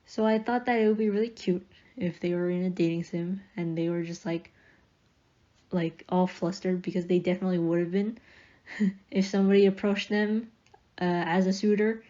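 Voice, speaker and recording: Young woman's mellow chatty voiceover. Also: on the low side, steady tone, moderate pace, highs cut off. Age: young adult. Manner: chatty, rambling, with fillers and light laughs. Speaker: artist narrating a speedpaint. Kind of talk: casual voiceover narration.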